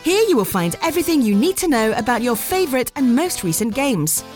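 A woman's voice: a little high, big pitch swings, a little fast, darkish tone, faint music behind. Woman announcing a podcast intro.

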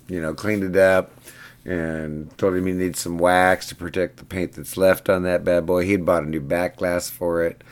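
A man's voice: deep voice, clear, resonant tone. A man who repairs pinball machines tells a chatty, rambling story in a casual vlog, often tagging lines with "right?".

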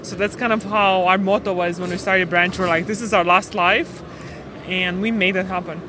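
A woman's voice: on the low side, steady tone, normal speed. A woman in her thirties from Romania, a startup co-founder explaining her work in a matter-of-fact way as a podcast guest. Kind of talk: podcast interview. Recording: noisy street ambience behind.

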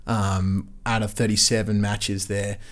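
Male sports co-host, slightly deep, laid-back and slangy, casual conversational delivery. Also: little pitch movement, measured pace. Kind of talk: casual cricket chat.

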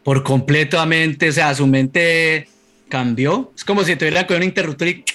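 A Colombian man in his thirties chats loosely and rambles, dropping swear words as he goes. His voice sits a little high and sounds bright and forceful. Faint music plays underneath. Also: moderate pace. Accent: Colombian Spanish. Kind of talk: casual chat.

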